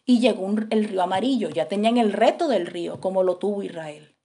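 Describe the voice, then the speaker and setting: A woman's voice: medium pitch, a little fast, dark tone. A woman preaching a sermon and telling a story dramatically, acting out the quotes as she goes.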